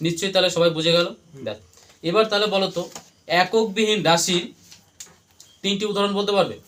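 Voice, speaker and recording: A man's voice: high-pitched, fairly even intonation, fairly quick, fairly bright tone, slight background noise. A man teaching a classroom, drilling his students with repeated questions and having them chant the answers back. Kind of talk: classroom lesson with call-and-response.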